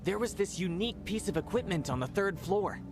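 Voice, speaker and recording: An actress playing a young student, forgetful and uneasy, in scripted game dialogue. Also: female voice, medium pitch, animated, a little fast, darkish tone, soft background music, lightly acted.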